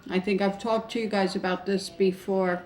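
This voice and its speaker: A middle-aged woman chatting casually to viewers on an eating show, chewing while talking, in a halting way with pauses. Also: mid-range voice, fairly even intonation, darkish tone. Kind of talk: casual mukbang chat to viewers.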